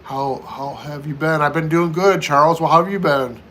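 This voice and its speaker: A man's voice: on the high side, normal speed, a bit bright, slight background noise, rough recording. An American man in his fifties chatting casually on a live stream, answering viewer questions one after another and often repeating himself. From United States. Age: 50s. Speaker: livestream host.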